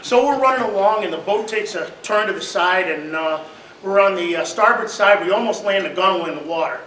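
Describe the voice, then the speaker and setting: A man's voice: high voice, a little fast, slight background noise. A man giving a remembrance at a memorial service, telling stories with many fillers. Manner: storytelling with many fillers, grows loud in the boat tales. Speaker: eulogy speaker. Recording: roomy hall recording from a distance.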